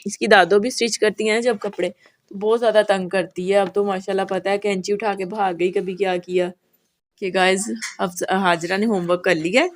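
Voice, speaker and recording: A woman's voice: mid-range voice, fairly even intonation, moderate pace. A woman vlogging at home as a mother, chatting casually and speaking straight to her viewers.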